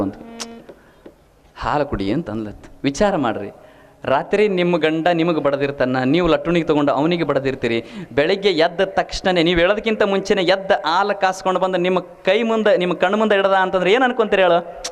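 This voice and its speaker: A male preacher with a North Karnataka Kannada accent tells a funny family story as a sermon. His voice sits high for a man. He keeps turning to the listeners to ask whether they are following. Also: fairly quick.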